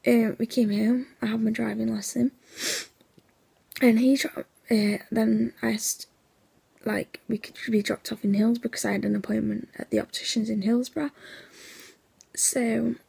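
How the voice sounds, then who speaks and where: Hoarse, half-whispering young woman. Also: on the high side, flat delivery, normal speed, long pauses, dark tone. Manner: rambling, chatty, with many fillers. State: hoarse, voice nearly gone; sleepy, yawning. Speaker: vlogger. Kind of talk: casual vlog chat.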